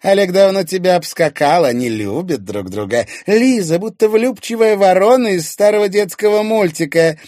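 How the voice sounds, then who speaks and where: A man's voice: sits high, animated, normal speed, few pauses, darkish tone, no room sound, studio quality, voice pushed up. A man voicing a scheming, mocking teenage girl who taunts with a sneer, in an audiobook.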